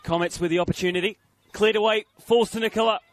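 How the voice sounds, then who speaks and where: A man giving live, excitable football play-by-play commentary. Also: high-pitched, fast.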